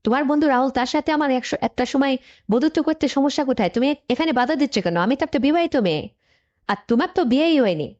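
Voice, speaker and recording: A woman's voice: high voice, lively intonation, quick pace, a little mellow. A woman narrating a first-person family drama, quoting the characters' lines and speaking to her listeners as friends. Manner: addresses listeners as friends, quotes each person in turn. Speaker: storyteller. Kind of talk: first-person story narration with voiced dialogue. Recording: dull lo-fi sound.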